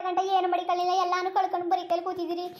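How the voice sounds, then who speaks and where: A woman's voice: very high voice, monotone, racing, lo-fi sound. A woman voicing a poor, weary village mother of four who pleads and reproaches, for a cartoon. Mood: pleading.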